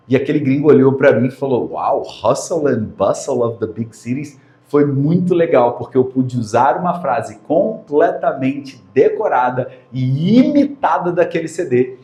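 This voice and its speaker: A man from Brazil teaching an English lesson on video, lively and emphatic, often repeating key words. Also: medium pitch. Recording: roomy echo.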